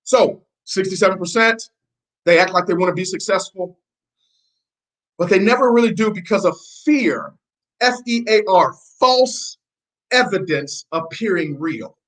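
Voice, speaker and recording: Expressive and unhurried, this man's high, fairly bright voice drives a motivational network marketing session, his accent moving between American and Nigerian. The style is emphatic, repetitive and preachy, and he keeps quizzing listeners.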